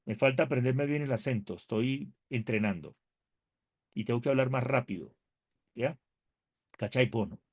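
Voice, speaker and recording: A man and pastor lecturing a seminary theology class, animated and conversational, asking his students questions, joking, and reading scripture aloud with emphatic rises. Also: medium pitch, moderate pace, pauses often.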